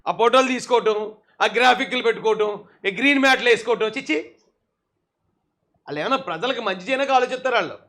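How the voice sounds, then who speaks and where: Sarcastic high-voiced male commentator. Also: rapid-fire, sharp tone. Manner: sarcastic, scolding, often laughing. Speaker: political commentator. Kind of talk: mocking video commentary.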